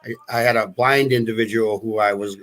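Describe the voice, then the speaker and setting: A man's voice: fairly low pitch, steady tone, brisk, fairly bright tone. A middle-aged man with a New England accent talks in a casual live-stream chat. He circles and restarts his sentences and scatters fillers and small chuckles as he goes. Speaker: guest.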